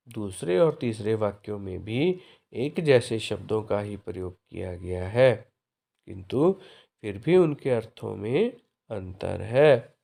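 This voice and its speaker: A man teaching a grammar lesson to children, explaining slowly and deliberately. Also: lowish voice, creaky, warm tone.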